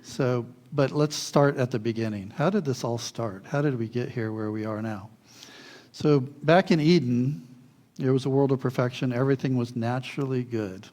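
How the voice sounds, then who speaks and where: Animated storytelling preacher, a man. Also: medium pitch. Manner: animated storyteller, chuckles often, acts out quotes. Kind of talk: sermon with childhood anecdotes.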